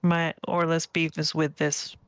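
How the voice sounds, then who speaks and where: Halting player thinking aloud. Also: mid-range voice, level tone, a bit bright, smooth, dry recording. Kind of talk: casual game table chat.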